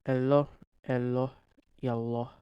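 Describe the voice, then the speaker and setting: A tired young man talking in a low-energy, rambling monotone, doing casual gaming commentary late at night. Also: takes it slowly, clean tone, no echo, dull audio. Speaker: gaming vlogger. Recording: loud music underneath.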